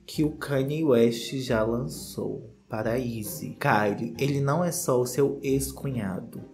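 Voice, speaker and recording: A man's voice: mid-range voice, unhurried, a little mellow, faint music behind. A man in his thirties with a Brazilian accent, giving casual gossip commentary in a sassy, theatrical, slangy way. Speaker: commentary video host. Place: small indoor home studio.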